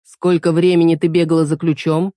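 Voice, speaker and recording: A woman's voice: on the low side, flat delivery, brisk, dark tone, no room sound, studio quality, natural voice. A woman voicing a cold, cynical male conspirator who talks sternly and sarcastically. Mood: probing.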